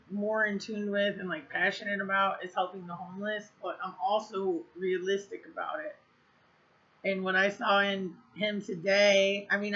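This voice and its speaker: A woman talks straight to camera in a loose storytime vlog, rambling through fillers and swearing bluntly. Her voice is bright and sharp-edged. The recording sounds a little dull and lo-fi. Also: mid-range voice. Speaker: vlogger.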